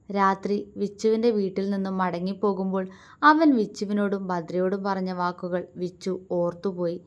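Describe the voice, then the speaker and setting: Woman storyteller, scripted narration, soft, emotive, mid pitch.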